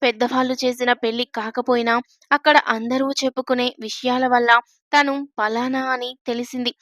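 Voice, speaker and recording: A woman's voice: a little high, little pitch movement, moderate pace, no echo, clean studio sound, close to an everyday voice. A woman voicing a timid young pregnant woman explaining who she is in a storybook reading.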